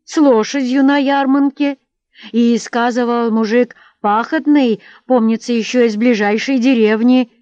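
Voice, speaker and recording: A woman's voice: fairly high pitch, steady tone, a little slow, darkish tone, no room sound, muffled recording, voice pushed up, lightly acted. A woman reading an audiobook voices a stern male tavern keeper who commands and accuses. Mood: accusing.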